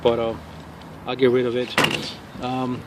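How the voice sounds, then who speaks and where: Man, casual outdoor vlogger, irritated profane rant, halting speech, street noise behind. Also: medium pitch, monotone. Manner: angry, profane ranting with halting restarts. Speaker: RC car hobbyist reviewer. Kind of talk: casual outdoor review vlog. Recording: noisy outdoor street recording.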